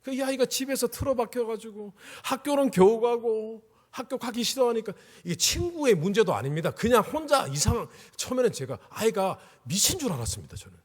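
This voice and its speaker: Emotional pastor with a husky voice. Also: male voice, sits high. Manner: emotional storytelling, rising to pleading cries. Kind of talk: revival sermon. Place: church sanctuary. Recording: echoey church hall.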